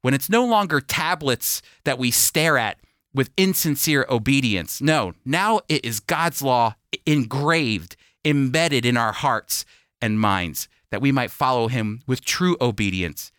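Speaking at a measured pace, a radio preacher and Bible teacher with a mid-range, animated, fairly bright voice reads scripture and gives a sermon. He emphasizes and repeats key phrases and asks rhetorical questions, recorded at studio quality without echo.

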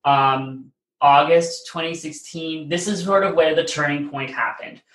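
This American man in his late twenties uses a slightly high, somewhat bright voice with fairly even intonation and a measured pace. As an interview guest, he tells casual, rambling stories filled with "like" and "you know." The room lends an echo.

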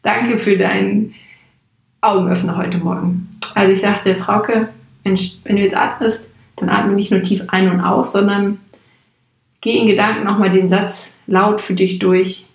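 A woman's voice: mid-range voice, little pitch movement, a little slow, vocal fry. A woman personal trainer giving motivational coaching talk, encouraging and repeating words for emphasis. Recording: echoey room.

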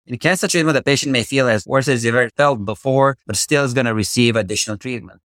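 A man's voice: mid-range voice, a bit bright, no echo, studio quality. Romanian-accented man explaining with passion. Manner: passionate, uses boxing analogies, rhetorical questions. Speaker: guest cardiologist. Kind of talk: podcast interview, expert explanation.

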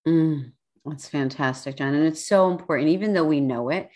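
Brief: female podcast host, deep for a woman, encouraging and bright in delivery. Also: moderate pace. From United States. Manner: warm, affirming, upbeat sign-off. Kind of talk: podcast interview.

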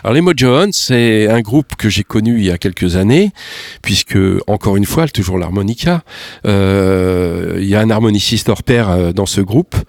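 A man with a Parisian French accent giving an interview as an event organiser, speaking effusively in a halting, digressive way. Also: lowish voice, animated, vocal fry, no echo, clean studio sound. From Burgundy, France. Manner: effusive, digressive, halting delivery with repeated words. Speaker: concert organiser, interview guest. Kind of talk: conversational radio-style interview.

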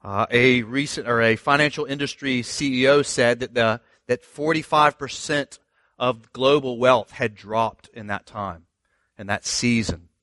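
A man's voice: mid-range voice, unhurried, fairly bright tone, no echo, clean studio sound. A middle-aged man, a pastor, telling his story earnestly in a sermon with fillers and restarts.

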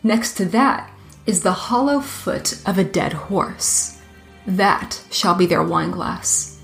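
A woman voicing a proud, sly male dragon in a storybook reading, speaking in a smooth, boastful way. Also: on the low side, lively intonation, takes it slowly, faint music behind, exaggerated voice. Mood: smug.

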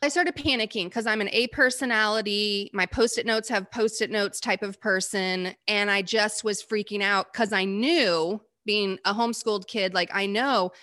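Speaking at normal speed with few pauses, a woman from the United States in her forties recounts a personal story as an interview guest. Her mid-range voice is animated, and she performs the voices of those she quotes.

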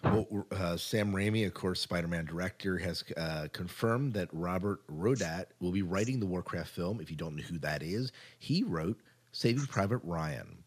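A podcast co-host with a deep, husky voice delivers entertainment news casually and conversationally, tossing in informal asides. His intonation is lively and his speed normal.

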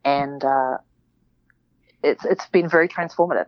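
Low-voiced reflective woman, dull lo-fi sound. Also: unhurried, dry recording. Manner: reflective, many restarts and fillers. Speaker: podcast guest. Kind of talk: casual interview chat.

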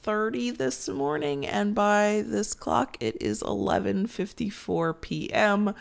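Stuffed up and nasal from a sinus cold, a mother hosting a laid-back late-night podcast sounds tired but talkative, wandering off topic and often starting sentences over. She speaks slowly at a medium pitch with a creaky quality.

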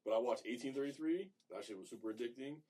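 A man's voice: medium pitch, fast, dark tone, breathy edge. A man in his thirties co-hosting a podcast, laid-back and jokey, rambling in casual chat. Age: 30s. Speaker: podcast co-host.

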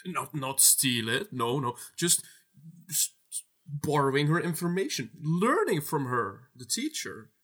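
A man's voice: fairly high pitch, very animated, a little slow, fairly bright tone. A man improvising casually as a player in a tabletop role-playing game, hesitant and playful.

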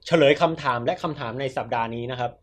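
A man hosting a casual podcast. He explains ideas chattily and softens his phrases with polite particles. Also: mid-range voice, fast talker. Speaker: podcast host.

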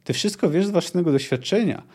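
A stern old hermit scholar who lectures with dry sarcasm, as a man reading a novel puts him on. The delivery is raised in pitch and kept mellow in tone. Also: expressive, fairly quick, slightly rough. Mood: stern lecturing.

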